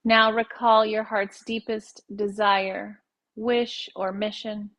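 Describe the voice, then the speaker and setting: This female meditation guide speaks calmly and with measure, her mid-range pitch staying very level. She phrases things unhurriedly and leaves pauses.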